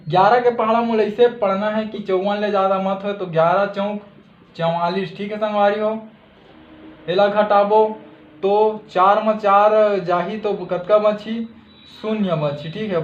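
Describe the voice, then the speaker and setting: A man with a Chhattisgarhi accent explains a math lesson step by step, checking in with listeners after each step. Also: high-pitched. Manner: steady step-by-step explaining, frequent "theek hai" checks. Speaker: math teacher. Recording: echoey room, dull lo-fi audio.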